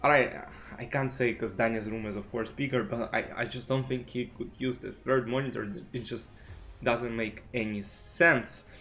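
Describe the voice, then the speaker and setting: The speaker is a chess streamer, a man whose first language is Russian, talking at normal speed in a mid-range, steady, slightly bright voice. His rambling vlog commentary is casual and full of "you know" and restarts, recorded at a home streaming desk with a desk streaming mic and webcam.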